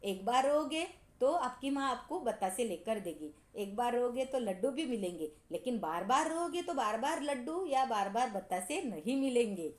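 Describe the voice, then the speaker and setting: A woman's voice: on the high side, sing-song, normal speed, hardly any pauses, echoey room. A woman teacher explaining a story lesson to her pupils, asking them questions and repeating key points. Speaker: school teacher.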